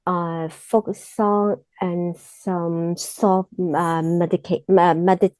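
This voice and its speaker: An exam candidate with a Cantonese accent gives mock speaking exam answers in slow, broken English, pausing often as she searches for simple words. Her lowish voice is soft, warm and mellow, with a flat delivery. The recording is dry and close, without room echo.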